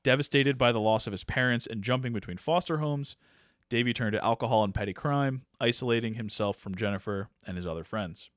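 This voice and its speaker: A man co-hosts a podcast and works through a film's plot summary in an easy, conversational way, breaking off for jokey asides. His pitch sits in a middle range, and the recording is dry and close, with hardly any room sound. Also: fairly quick, no room sound. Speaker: podcast co-host. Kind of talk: casual chat, reading a plot summary.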